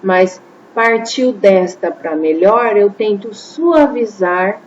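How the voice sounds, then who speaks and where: A woman's voice: mid-range voice, takes it slowly. A woman teacher, explaining a lesson patiently and checking in with her listeners. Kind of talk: classroom lesson. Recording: slightly dull lo-fi audio with faint noise.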